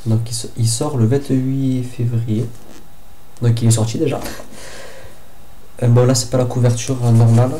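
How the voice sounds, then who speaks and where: Congested with a head cold, a young man from France talks through a book review at a moderate pace in a mellow, very dark voice with little pitch movement. Lots of fillers, frequent pauses and restarted sentences mark his hesitant vlogging, with a slight hiss or hum in the background.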